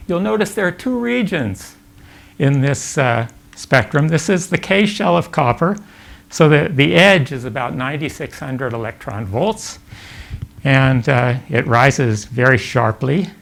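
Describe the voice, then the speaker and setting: An older man giving a physics lecture at a summer school, halting and full of fillers and restarts. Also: medium pitch, lively intonation, creaky, a bit bright. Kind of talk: academic lecture. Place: lecture hall.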